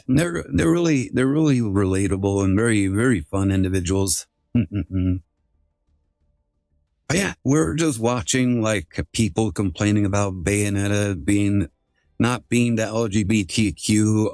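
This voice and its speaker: Using a voice changer that alters his voice, a man streams live and chats casually, his rambling sentences full of filler and frequent restarts. The voice is lowish and darkish in tone, with no echo.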